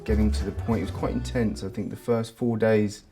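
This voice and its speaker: A man's voice: on the low side, fairly even intonation, fairly quick. A man who plays violin and leads an orchestra, speaking in an interview in a plain, matter-of-fact way. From Zimbabwe and England. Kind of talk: interview talk. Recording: music playing underneath.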